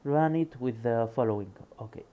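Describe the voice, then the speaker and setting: In a casual screen-recorded coding session, a Spanish man reads passages from a programming book at a moderate pace in his mid-range voice, then muses quietly as he experiments. The audio is narrow and tinny, with slight background noise.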